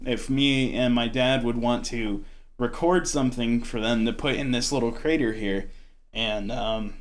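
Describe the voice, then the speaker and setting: A man giving casual gameplay commentary in an informal, chatty way as a video host. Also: medium pitch.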